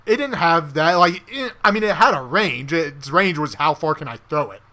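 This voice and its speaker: A man co-hosting a casual podcast with a high, bright, ringing voice. He tells game stories with animation and acts out the characters' lines as he goes. His talk is loose and conversational. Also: animated, moderate pace. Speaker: podcast co-host and tabletop player. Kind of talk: casual chat.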